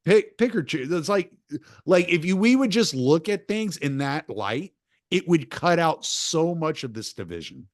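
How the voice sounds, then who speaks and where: A man's voice: fairly high pitch, measured pace, no echo. Man hosting a talk show, opinionated, casual chat, dry close mic. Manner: opinionated, animated when quoting others. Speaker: podcast host. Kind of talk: casual conversation.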